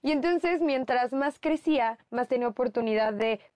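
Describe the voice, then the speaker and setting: A young Mexican woman, a singer and interview guest, telling quick bubbly anecdotes in a casual chat, acting out the voices of others. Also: high-pitched, darkish tone, dry recording, studio quality.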